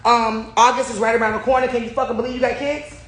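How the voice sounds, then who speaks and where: Joking forty-something man, high voice. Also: flat delivery, fast talker, fairly bright tone. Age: 40s. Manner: loose, joking, profane. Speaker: host. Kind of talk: casual chat over drinks. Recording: echoey room with background noise.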